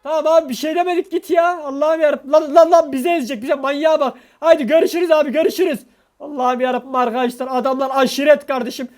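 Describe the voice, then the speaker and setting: Brief: a high-pitched man hamming it up as a grumbling trucker in gaming commentary. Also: fairly even intonation, fast. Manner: dramatic, rowdy, swears and grumbles. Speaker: gaming YouTuber. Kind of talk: comedic role-play commentary while playing a truck game.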